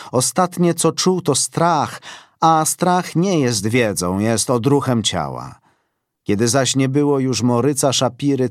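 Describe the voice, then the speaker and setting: A man giving a literary audiobook reading in a measured, sombre way. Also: medium pitch, no room sound, studio quality. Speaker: audiobook narrator.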